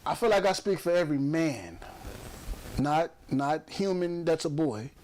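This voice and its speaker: A man's voice: on the high side, animated, a little slow, darkish tone, slight background noise. A man hosting a podcast, ranting in a casual, profane and emphatic way. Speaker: podcast host; truck driver.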